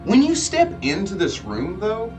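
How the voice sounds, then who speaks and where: A man narrating a tabletop game as its game master, describing the scene at an easy pace with the odd filler. His pitch is lively and moves a lot. He sounds set back from the microphone, with faint music playing underneath. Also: unhurried, far from the mic.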